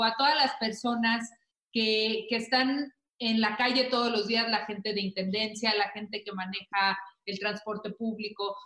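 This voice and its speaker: A woman's voice: fairly high pitch, fairly bright tone, rough recording. Woman hosting a talk show. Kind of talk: casual chat.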